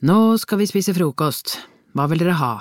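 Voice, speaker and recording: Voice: mid-range voice, no room sound, studio quality, close to an everyday voice. A reader voicing a grieving, short-tempered father in an audiobook, with curt, clipped replies. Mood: stern. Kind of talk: audiobook character reading.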